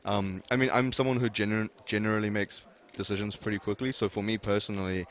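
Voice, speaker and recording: A man's voice: on the low side, steady tone, quick pace. A man giving expert poker commentary, hedging his points with lots of fillers and restarts. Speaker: poker analyst.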